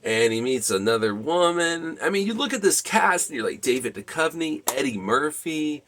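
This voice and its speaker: A man giving a casual, rambling movie review, full of ums and restarts, with lively enthusiasm. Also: fairly high pitch, normal speed. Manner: rambling, many fillers and restarts.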